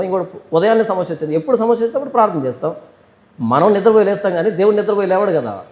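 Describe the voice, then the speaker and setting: A male pastor teaching a Bible study, reading verses slowly and posing questions he answers himself. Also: high voice, darkish tone, dull audio. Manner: asks and answers his own questions, reads verses slowly. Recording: echoey hall.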